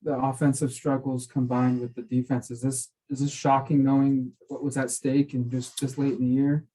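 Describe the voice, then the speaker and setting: Male reporter, flat mellow husky voice, measured questions. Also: mid-range voice, rough recording. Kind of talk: press conference question.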